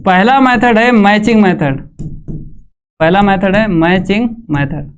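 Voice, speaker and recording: A man's voice: high voice, slow, clear, resonant tone. A man teaching maths in a live online class, walking students through each step and putting questions to the chat. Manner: calls students "bhai".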